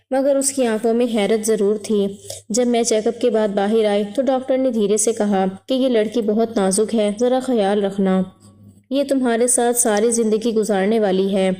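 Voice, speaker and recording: Mellow higher-pitched woman narrating a story. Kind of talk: scripted first-person story narration.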